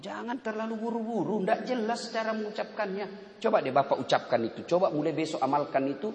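A middle-aged male preacher giving a lively sermon, asking rhetorical questions, acting out little exchanges and slowly chanting prayers. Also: high-pitched. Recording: echoey hall with long reverb.

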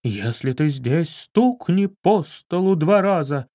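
A man voicing a scheming fake baroness, a theatrical woman who intones in a drawn-out, spooky way. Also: a little high, expressive, mellow, dry recording, studio quality. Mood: solemn.

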